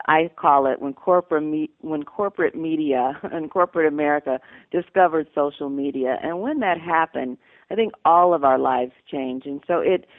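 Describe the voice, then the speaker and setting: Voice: mid-range voice, dry recording. A radio host conversing with a guest, asking chatty, leading questions. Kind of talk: conversational interviewing. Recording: tinny phone-like line, dry.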